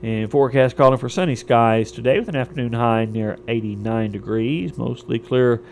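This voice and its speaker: A man's voice: medium pitch, moderate pace, slight background noise. A man reading a scripted local radio sports and weather newscast as a station announcer. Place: radio studio.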